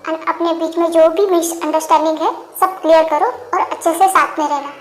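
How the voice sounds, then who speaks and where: A woman voicing a stern elderly grandfather who lectures his grandsons calmly. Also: very high voice, normal speed, echoey room, pitched below the performer's own voice. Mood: lecturing. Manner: calm, lecturing. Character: stern elderly grandfather, scheming but kind.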